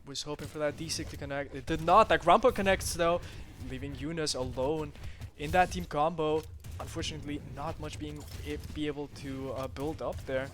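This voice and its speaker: A man casting a live online game tournament, calling the action quickly with lots of fillers and casual swearing, then chatting loosely with the stream chat between matches. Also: on the high side, background noise. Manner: rapid, excitable calls with frequent fillers and casual swearing. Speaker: esports tournament caster. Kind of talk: live play-by-play game commentary.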